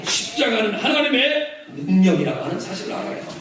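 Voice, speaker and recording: A man preaching a lively sermon, leading the congregation in call-and-response and shouting for emphasis. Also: high-pitched, fast talker, a crowd in the background. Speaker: pastor. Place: large church hall. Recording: echoey hall, mic from a distance, noisy.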